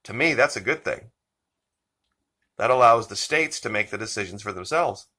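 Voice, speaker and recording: A man hosting a political commentary channel, talking slowly and emphatically as he introduces a clip. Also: lowish voice, lively intonation, bright, forceful tone. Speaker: channel host.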